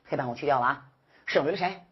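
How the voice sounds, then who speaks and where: Husky low-voiced woman lecturing a class. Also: fast talker, highs cut off. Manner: lively, rhetorical questions, scolding and coaxing the class. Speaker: English exam-prep teacher.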